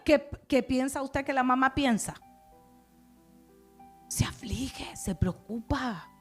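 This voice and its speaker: A woman pastor preaching a sermon in a conversational, coaxing way, often checking in with her listeners. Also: sits high. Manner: conversational, coaxing, frequent "verdad" and "amados".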